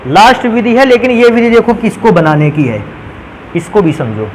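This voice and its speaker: A man's voice: sits high, very animated, moderate pace, slight background noise, poor audio. A male chemistry teacher lecturing a class, calling students "beta" and answering his own questions as he goes. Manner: calls students "beta", asks questions and answers them himself.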